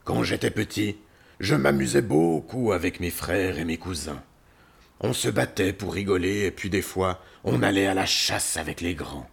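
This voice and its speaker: A man's voice: deep voice, animated, normal speed, creaky, slightly rough, heavily acted. A man putting on a grumpy, growling lion. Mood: sulky. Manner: growling, sulky. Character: grumpy lonely male lion, king of animals.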